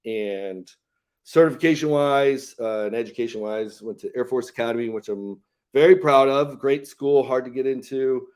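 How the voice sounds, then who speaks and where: A man's voice: mid-range voice, darkish tone, smooth. Earnest middle-aged male coach. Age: 50s. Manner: earnest, pausing often with "and, uh" fillers. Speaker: health coach and co-host. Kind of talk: live show talk and storytelling.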